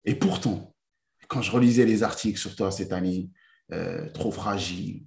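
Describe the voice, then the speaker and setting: A man's voice: sits low, moderate pace, gravelly, darkish tone. A man hosting an interview, asking long, enthusiastic questions in a conversational style. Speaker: interview host. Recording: roomy, echoey room.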